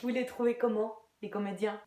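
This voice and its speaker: A woman's voice: a little high, fairly even intonation, fairly quick, warm tone, echoey room, slight background noise, close to an everyday voice. A woman playing a bitter, crude Irish woman. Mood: sardonic. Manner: crude, sardonic, drops to whispers. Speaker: actress in a one-woman show. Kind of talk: theatre monologue.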